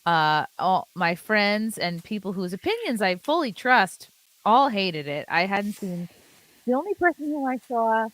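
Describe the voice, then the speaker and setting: A woman's voice: very animated, unhurried, fairly bright tone, no echo. Muffled woman, as if through a wall. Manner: candid, rambling opinions with many restarts. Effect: muffled and low, as if heard through a wall. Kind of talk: casual chat. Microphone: borrowed headphones with a faulty plug.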